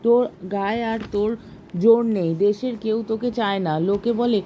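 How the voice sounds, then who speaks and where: A woman voicing a poor, gentle aging village farmer in a storybook reading, speaking softly and pleadingly. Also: on the high side, normal speed, a little hiss or hum, lightly acted. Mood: tender. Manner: soft, pleading, tearful.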